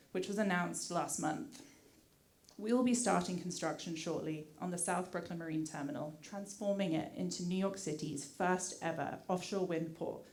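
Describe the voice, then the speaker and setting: At a podium mic in a community meeting hall, a woman with a lowish, slightly mellow voice gives prepared public remarks as community affairs director. Her accent is British mixed with some American, and she sounds polite, scripted, and thankful, using frequent "uh" fillers.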